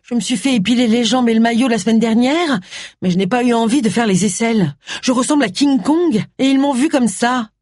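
A woman voicing a sharp-tongued, grumbling middle-aged amateur detective in an audiobook. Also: medium pitch, animated, husky, no echo, clean studio sound. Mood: indignant. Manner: indignant, grumbling, quick retorts.

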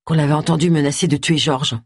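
A woman's voice: low voice, fairly even intonation, quick pace, husky, no echo. A woman reading aloud voices a cheeky, sardonic man with a dry, teasing way of talking.

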